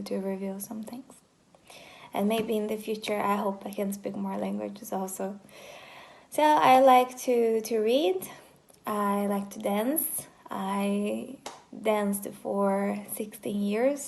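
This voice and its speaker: Slow, gravelly young Brazilian woman. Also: mid-range voice, a little mellow. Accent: Brazilian Portuguese. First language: Portuguese. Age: 20s. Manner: hesitant, with fillers and restarts. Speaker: vlogger. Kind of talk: casual self-introduction vlog.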